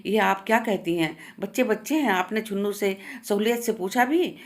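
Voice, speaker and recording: Woman reading as a calm, reasoning father. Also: mid-range voice, moderate pace, natural voice. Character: patient middle-aged father narrating, calm man.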